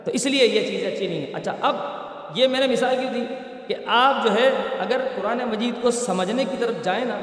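A man's voice: extremely high pitch, fairly bright tone. A man giving a sermon, teaching by story and rhetorical questions. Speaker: preacher. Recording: echoey hall, voice from far off.

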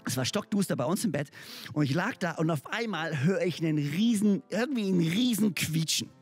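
A male pastor giving a sermon in a high, husky voice. He speaks to the congregation in a lively, emphatic and chatty way, and soft music plays faintly behind him. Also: brisk. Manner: lively and emphatic, mixes in English words; conversational, speaks directly to listeners.

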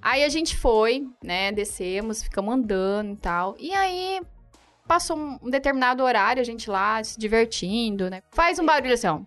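Animated Brazilian woman telling a story. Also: fairly high pitch, moderate pace, soft background music. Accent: Brazilian Portuguese. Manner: animated, laughs often, acts out dialogue, frequent tag questions. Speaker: guest telling a travel story. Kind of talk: casual anecdote in conversation.

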